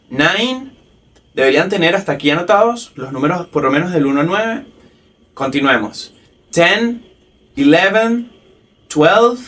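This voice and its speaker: Male teacher, higher voice, unhurried drill delivery, set back from the mic. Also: fairly bright tone, distant mic. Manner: slow, careful drilled pronunciation of English words. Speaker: English teacher. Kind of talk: step-by-step language lesson.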